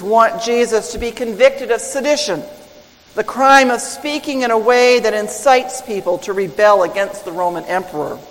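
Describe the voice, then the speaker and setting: A woman preaching a sermon, deliberate and measured, with emphatic swells on key phrases. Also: a little high. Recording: long reverb of a large hall.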